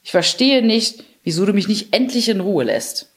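A woman's voice: medium pitch, big pitch swings, moderate pace. A woman voicing a young boy who turns sulky and snappish in a storybook reading. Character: young boy, cold and sulky under a spell.

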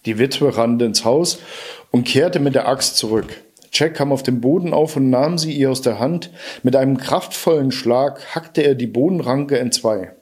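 A man narrating a fairy tale aloud in a lively, expressive storybook reading. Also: mid-range voice, normal speed, husky.

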